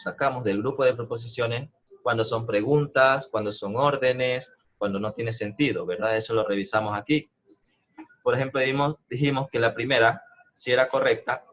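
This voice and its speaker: A man's voice: mid-range voice, fairly bright tone. Guy teaching math on a video call, patient, keeps asking "¿no?", audio kinda dull. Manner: explains patiently, checks understanding with frequent "¿no?" and "¿verdad?". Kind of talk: online math class.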